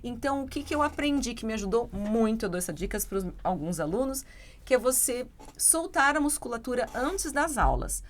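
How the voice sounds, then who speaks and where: A woman's voice: on the high side, very animated, brisk. A Brazilian woman, an English teacher and podcast co-host, chatting casually and explaining with lots of fillers in a Brazilian Portuguese accent.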